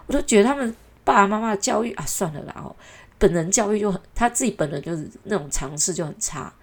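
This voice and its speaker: A woman's voice: mid-range voice, lively intonation, fast, darkish tone, breathy edge. A woman from Taiwan with a Taiwanese Mandarin accent, telling a story in a casual, chatty way, exasperated and full of mocking asides. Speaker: vlogger.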